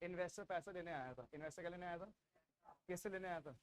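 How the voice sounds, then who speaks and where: A man from India with an Indian accent teaching a class, drilling students loudly and repeating questions for them to answer back. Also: sits high, fast talker, a crowd in the background. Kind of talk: classroom lecture with call-and-response drilling.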